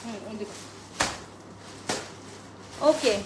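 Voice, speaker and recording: A woman hosting a live-stream dress sale, chatty, greeting viewers by name and mixing in English phrases, speaking into a phone. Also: extremely slow. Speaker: online boutique seller hosting a live sale. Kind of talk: live-stream sales pitch. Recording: roomy echo with steady background noise.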